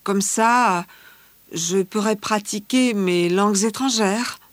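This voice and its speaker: A woman voicing a cheerful teenage schoolgirl who loves fashion, answering interview questions in a scripted exam dialogue with measured, careful delivery. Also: medium pitch, no echo, natural voice. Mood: calm chatty.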